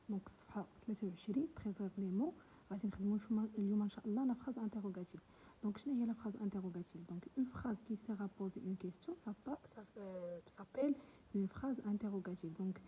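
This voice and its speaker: A woman's voice: medium pitch, warm tone, a little hiss or hum, low-quality recording. Patient Moroccan woman teaching a lesson. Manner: switches between French and Moroccan Arabic, patient and explanatory. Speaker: primary school teacher. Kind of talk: explaining a grammar lesson.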